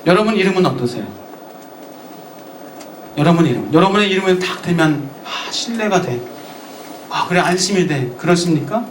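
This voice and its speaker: A high-voiced male pastor preaching a sermon, heard from some distance in a roomy, echoing church. He turns to the congregation with questions and acts out the words of those he quotes. Faint ambience hangs behind him. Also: slight background noise. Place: church sanctuary.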